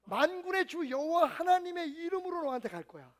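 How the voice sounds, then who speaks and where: A man's voice: very high voice, very animated, a little fast, voice pushed up. A male preacher playing the boy David as a cocky, swaggering braggart.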